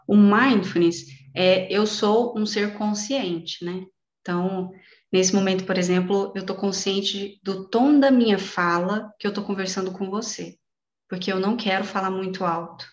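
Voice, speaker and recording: A woman guest speaker explaining mindfulness in a lively way with personal examples, speaking on a video call. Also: medium pitch, measured pace. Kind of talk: explanatory talk in an online meeting. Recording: roomy, dull call audio.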